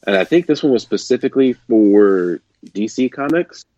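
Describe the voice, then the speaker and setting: A man's voice: medium pitch, expressive, normal speed, mellow, no room sound. A male podcast host chatting casually from a makeshift travel setup, his voice slightly robotic and metallic. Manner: easygoing, chatty, many fillers and restarts. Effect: slightly robotic, metallic-sounding voice. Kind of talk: casual chat. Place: away from home at a conference. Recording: dull, dry lo-fi sound.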